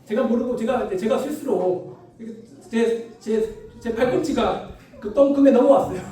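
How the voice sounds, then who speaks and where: A man from North Gyeongsang giving a sermon with humorous anecdotes, animated and constantly asking the congregation for agreement. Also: extremely high pitch, normal speed. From Yeongju, North Gyeongsang, Korea. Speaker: lay preacher. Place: church hall. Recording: echoey church hall, distant mic.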